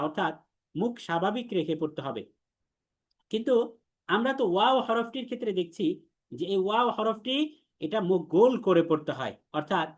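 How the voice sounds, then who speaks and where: A man teaching an Arabic letters class for the Quran, explaining step by step with patience and repetition, and leading students in call-and-response drills. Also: high voice.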